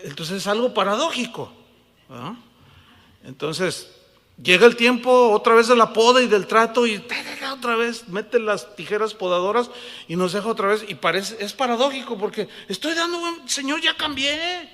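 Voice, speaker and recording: Mexican guy preaching, bright and sharp, keeps asking the crowd stuff. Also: sits high, normal speed, long reverb tail. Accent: Mexican Spanish. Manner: animated, acts out little dialogues, asks the crowd questions. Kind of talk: sermon.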